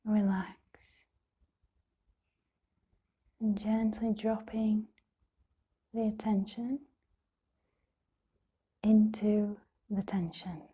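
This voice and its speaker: A meditation teacher guides listeners in a soft, breathy, half-whispered voice of middling pitch. Her tone stays steady as she speaks gently and soothingly in short phrases separated by long pauses.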